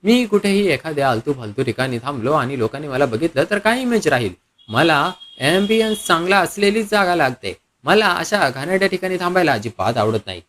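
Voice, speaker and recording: A man's voice: a little high, sing-song, a little fast, a bit bright. A man voicing an arrogant young businessman, haughty and curt. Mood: haughty, irritated. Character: arrogant rich young businessman, snobbish and irritable.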